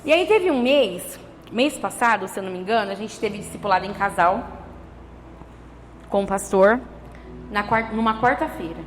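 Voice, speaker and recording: A woman pastor with a Brazilian Portuguese accent preaching a sermon with personal testimony. She moves between hushed storytelling and fervent exhortation. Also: medium pitch, animated, normal speed, long pauses. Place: large church hall. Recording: reverberant church hall, faint noise.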